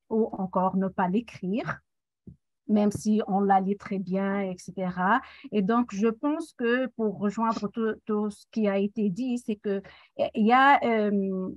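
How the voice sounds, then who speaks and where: Hesitant, measured woman on a lo-fi radio panel. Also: mid-range voice, a little mellow, dry recording. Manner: measured, explanatory, many hesitations. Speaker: settlement worker for newcomers.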